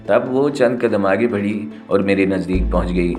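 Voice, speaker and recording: A man reading a first-person thriller novel aloud with steady, dramatic storytelling. His voice sits low, and faint instrumental music plays softly underneath the narration.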